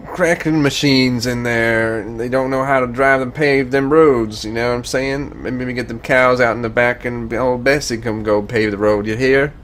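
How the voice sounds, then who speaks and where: A man putting on a slow, drawling southern hick. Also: mid-range voice, steady tone, a bit bright, slight background noise, pitched above the performer's own voice, lightly acted. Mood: mocking. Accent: exaggerated Southern US. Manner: slow drawl, folksy slang. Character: drawling rural southern country man, folksy and mocking.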